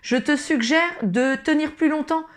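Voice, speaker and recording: A woman's voice: high voice, a little slow. A woman teaching ukulele, explaining each step patiently and talking to the learner informally. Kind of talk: tutorial explanation. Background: ukulele strumming.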